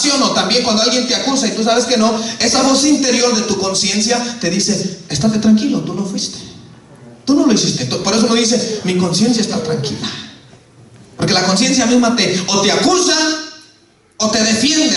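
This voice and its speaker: A man's voice: extremely high pitch, a bit bright. A man preaching a sermon as a pastor, calling the congregation brother and questioning them directly. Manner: preaching, keeps calling the listener "hermano"; asks the congregation questions and acts out quoted voices. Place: church. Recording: echoey church hall, mic far off.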